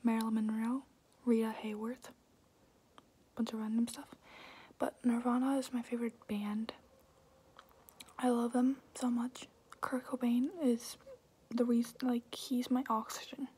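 Young woman whispering asmr chat, super breathy n soft, kinda rambly, right up close. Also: a little high, little pitch movement, unhurried, pauses often. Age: young adult. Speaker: ASMR video creator. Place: small room indoors, at home.

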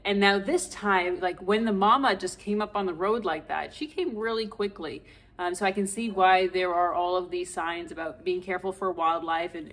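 A woman in her thirties chatting to camera indoors, expressive and full of fillers as she wraps up the episode. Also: medium pitch. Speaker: motorcycle travel vlogger. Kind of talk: casual travel vlog.

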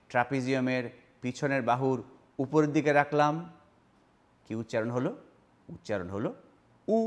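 A man giving a spoken lecture on phonetics, sounding out vowel examples and speaking straight to the viewer. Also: a little high. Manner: demonstrates vowel sounds aloud, addresses viewers directly. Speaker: linguistics lecturer.

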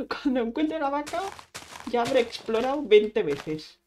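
A woman's voice: on the high side, sing-song, takes it slowly, mellow, slight background noise. A woman, streaming Minecraft casually, chatting to herself and making little sound effects as she plays. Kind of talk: casual Minecraft let's play.

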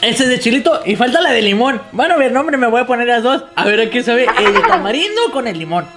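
A man's voice: very high-pitched, big pitch swings, quick pace. A man playing a silly, greedy, childlike clown in a children's slapstick sketch, whiny and full of exclamations. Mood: gleeful, greedy. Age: young adult. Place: tiled living room and kitchen at home. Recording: roomy, loud music over voice.

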